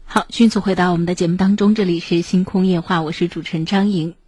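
A woman hosting a late-night phone-in, counselling in a measured, explanatory way. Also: lowish voice, steady tone, a little mellow, husky, dry recording. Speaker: late-night radio host.

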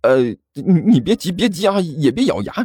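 A man's voice: on the high side, big pitch swings, a little fast, dark tone, slightly rough, no room sound, pitched above the performer's own voice. A man voicing a middle-aged male landlord who is chatty, persuasive and nervously stammering. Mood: wheedling, wary.

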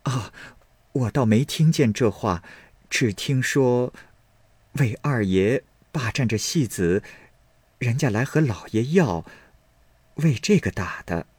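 A man voicing a gentle, careful young female maid in a storybook reading, speaking softly and deferentially. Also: medium pitch, animated, slow pace, breathy edge, no room sound.

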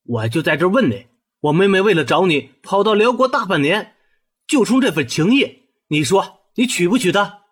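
A man's voice: high-pitched, big pitch swings, moderate pace, slightly rough, heavily acted. A man voicing a bold, teasing young officer who talks brashly and pushily in a historical audio drama. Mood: pushy. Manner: brash, pushy, joking.

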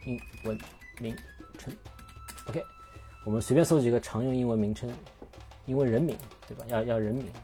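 A man's voice: mid-range voice, fairly even intonation, normal speed, long pauses, mellow, soft background music. A man hosting a casual solo podcast, rambling and correcting himself as he looks things up while he talks. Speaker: podcast host.

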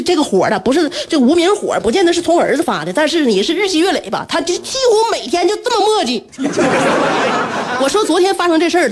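High, fast-talking woman. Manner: animated, laughing often, breaks into shrill scolding. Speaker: radio host. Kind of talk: casual radio storytelling.

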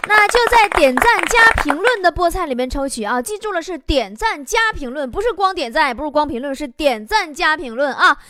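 High lively Northeastern Mandarin woman comic. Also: brisk, hardly any pauses. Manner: lively storytelling with dialect slang and chuckles. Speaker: talk show comedian. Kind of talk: stand-up comedy monologue. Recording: noisy recording with clicks.

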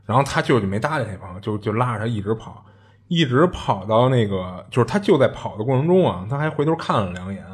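Husky man telling a story. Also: medium pitch, expressive, fast. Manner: chatty, rambling, many fillers and restarts. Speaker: podcast host. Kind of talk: casual storytelling.

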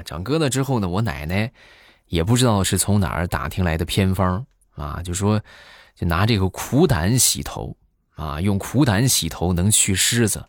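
A man in his thirties telling comic stories in a chatty way, filling pauses with drawn-out fillers. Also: low-pitched, no echo, studio quality. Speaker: comedy vlogger. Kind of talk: comic storytelling monologue.

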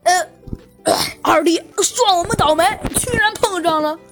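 A woman's voice: extremely high pitch, moderate pace, a bit bright. A woman voicing the elder of two python crooks in a children's story, sighing and resigned, over faint music. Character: elder python brother, grumbling defeated crook.

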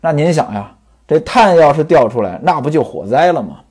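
A man's voice: on the high side, big pitch swings, fairly quick, darkish tone, husky. A man telling a classic tale in traditional storytelling style, chatty and stopping to explain old customs to his listeners.

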